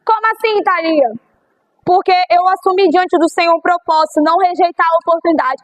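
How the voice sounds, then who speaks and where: A woman's voice: very high-pitched, fairly quick, poor audio. A young woman preaching a fervent sermon, repeating phrases for emphasis, her voice a little strained. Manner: fervent, repetitive exhortation.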